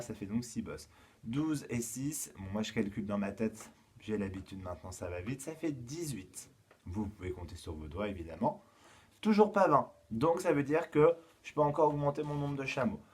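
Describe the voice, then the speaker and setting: Patient, husky-voiced male teacher. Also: mid-range voice, lively intonation. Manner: slow, patient counting aloud with frequent "euh" and "donc". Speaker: kindergarten teacher. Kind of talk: remote lesson for young children and parents.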